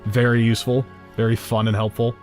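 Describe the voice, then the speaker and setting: A man's voice: medium pitch, flat delivery, a little fast, soft background music. Chatty man commenting on a game. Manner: chatty, explaining, swears casually. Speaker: co-host of a let's play. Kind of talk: casual gaming commentary.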